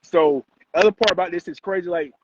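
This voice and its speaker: A man's voice: high-pitched, fairly quick, background noise. Man, host, casual livestream recap, rambling, lots of fillers, dull lo-fi audio. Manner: rambling, animated, heavy use of "like".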